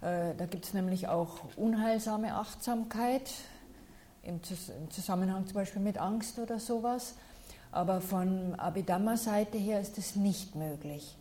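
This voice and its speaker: A meditation teacher, a woman with a medium-pitched voice, answers listeners' questions during a talk. She responds calmly and patiently at a measured pace.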